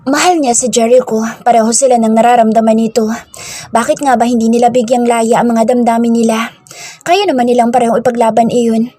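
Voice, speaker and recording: A woman narrating a romance story in a steady, scripted storytelling read. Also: fairly high pitch, brisk, breathy edge. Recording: dry with faint background music.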